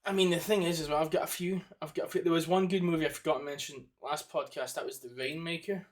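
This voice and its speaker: A man's voice: fairly high pitch, steady tone, fast talker. A young man hosting a podcast in casual chat, swearing freely and breaking into goofy voices. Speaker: podcast host.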